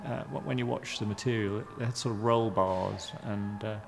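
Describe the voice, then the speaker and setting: A man's voice: on the low side, fairly even intonation, normal speed, vocal fry, a little hiss or hum. A man in his fifties from Guyana, an artist giving hesitant, wry interview answers with many ums and restarts. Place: art gallery exhibition space. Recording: reverberant room.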